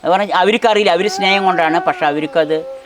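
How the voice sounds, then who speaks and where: A man's voice: high voice, a little fast, a crowd in the background. A man, an uncle caring for his nephew, answering interview questions in a plain, easygoing way. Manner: plain-spoken, coaxing the boy gently. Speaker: uncle and caregiver.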